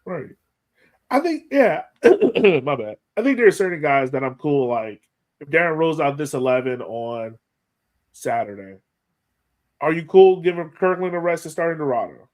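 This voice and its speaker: A sports podcast co-host with a fairly high, sing-song, darkish voice talks at normal speed. He casually thinks aloud while sharing his opinions on soccer.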